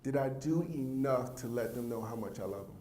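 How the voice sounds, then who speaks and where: A man delivers a motivational talk to young people, earnest and emphatic, often speaking straight to the crowd. His voice sits at an ordinary middle pitch. It echoes around a large hall, with a faint hum of room ambience underneath. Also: fairly quick, warm tone. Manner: emphatic, addresses the audience directly; heartfelt and earnest. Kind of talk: motivational speech to a young audience. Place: large event hall with a live audience.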